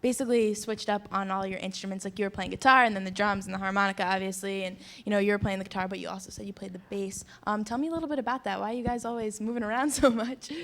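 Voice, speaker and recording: A young woman hosting a live college studio show, interviewing a band briskly and laughing easily. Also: mid-range voice, fairly even intonation. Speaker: host of a student studio show.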